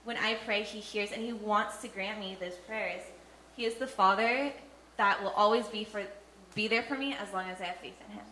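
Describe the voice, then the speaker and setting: A woman's voice: medium pitch, normal speed, bright, forceful tone. A young woman giving an earnest, heartfelt personal faith testimony, with frequent fillers. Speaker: testimony speaker. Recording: echoey room with faint ambient noise.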